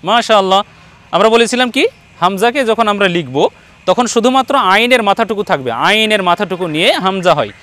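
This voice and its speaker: High-voiced patient Bengali male teacher. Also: lively intonation, sharp tone. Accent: Bangladeshi Bengali. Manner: patient, encouraging, repeats each letter slowly. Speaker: Quran teacher. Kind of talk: online lesson on letter pronunciation.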